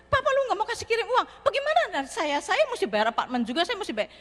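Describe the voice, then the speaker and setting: A woman's voice: very high voice, huge pitch swings, fast talker, fairly bright tone, pitched above the performer's own voice, full character voice. A woman voicing a worried young male student pressing a friend about money, in an anxious, pleading manner. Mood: alarmed. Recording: reverberant church hall.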